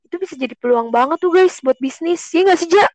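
A woman's voice: very high voice, expressive, fast, a little mellow, no echo. A young adult woman with a Jakarta Indonesian accent, co-hosting a podcast in casual, slangy conversation. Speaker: podcast co-host.

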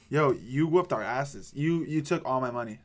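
A young man co-hosting a podcast in a loose, joking, crude banter style. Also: mid-range voice. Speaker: podcast co-host. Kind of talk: casual chat.

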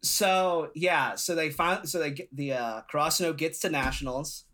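A man's voice: fairly high pitch, moderate pace, sharp tone. A young man as a podcast guest, retelling a story in casual chat, rambling with many fillers.

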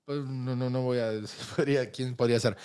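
Rioplatense man telling a lively story. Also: a little fast, clean tone. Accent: Rioplatense Spanish. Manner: animated storytelling, jumps pitch for quoted voices. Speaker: podcast co-host. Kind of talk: casual banter.

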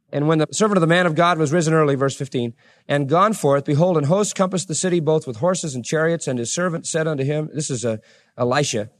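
A man preaching a sermon, reading scripture aloud with dramatic rising emphasis and plain asides in between. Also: on the high side. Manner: reads verses with dramatic slowing and rising voice, then chats plainly.

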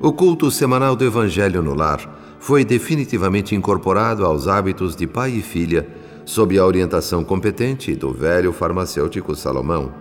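A deep-voiced man with a Brazilian accent acts as a solemn spirit guardian, narrating a family's troubles in a radio drama. He uses measured, formal, literary diction, and a music bed with long reverb fills the recording.

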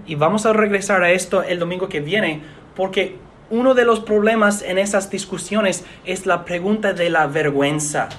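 Male pastor, high pitch, steady earnest sermon delivery. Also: a little hiss or hum. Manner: measured, earnest preaching with pauses.

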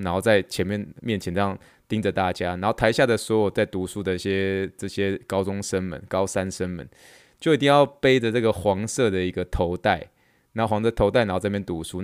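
Taiwanese guy podcast host, rattles off a story quick, dry close mic, acts out the shouting bits. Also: fairly low pitch, clean tone, no echo. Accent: Taiwanese Mandarin. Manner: animated, acts out shouted slogans in quotes. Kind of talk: casual storytelling chat.

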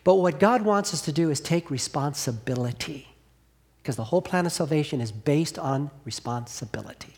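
A man's voice: fairly high pitch, animated, a little fast, slightly rough. Earnest male pastor preaching. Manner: earnest, asks the congregation questions, drops to a hush on key lines. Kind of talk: sermon.

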